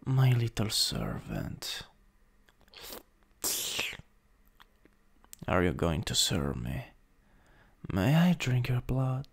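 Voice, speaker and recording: Playing a mocking, cruel vampire master taunting his servant, an Italian-accented man improvises a slow, partly whispered ASMR roleplay right up against a USB mic. His medium-pitched voice swings widely in pitch, heavily acted, breathy, husky and gravelly, with a teasing, menacing, drawn-out, condescending air.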